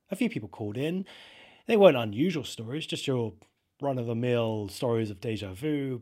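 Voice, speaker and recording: A man's voice: mid-range voice, a little mellow. A man narrating a spooky story in the first person, in a casual, conversational way.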